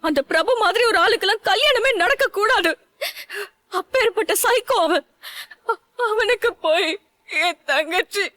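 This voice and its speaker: Brief: actress playing a crying young woman in a dubbed serial, very high voice, dry and close sound, pleading and broken. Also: animated, normal speed, a bit bright, no echo. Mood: tearful. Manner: tearful, pleading, breaking off mid-phrase. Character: distraught young woman blaming herself for her sister.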